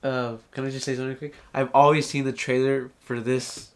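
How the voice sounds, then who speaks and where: A young man with a mid-range voice co-hosts a casual commentary. He speaks in a relaxed way and drops dry, sarcastic asides. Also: medium pitch, fairly quick. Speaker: co-host. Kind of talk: casual chat.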